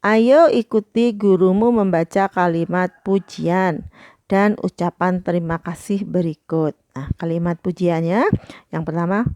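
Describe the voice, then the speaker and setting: A woman's voice: on the low side, unhurried, a little mellow, no echo, clean studio sound. A woman teaching primary school, reading a textbook lesson aloud and explaining each answer with many "nah" and "eh" fillers.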